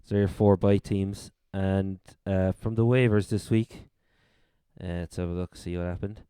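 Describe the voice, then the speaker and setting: Man, Irish Cork accent, smooth clear voice, dry close sound, relaxed sports podcast chat. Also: low voice, unhurried, no echo. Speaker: fantasy football podcast co-host. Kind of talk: casual sports chat, running through updates.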